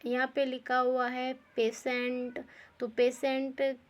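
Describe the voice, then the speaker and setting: A woman teaching pronunciation rules, talking slowly and repeating herself, with many "uh" pauses, who poses questions and then answers them herself. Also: high-pitched, completely flat delivery. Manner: slow and repetitive, with many "uh" pauses. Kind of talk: explaining English pronunciation rules.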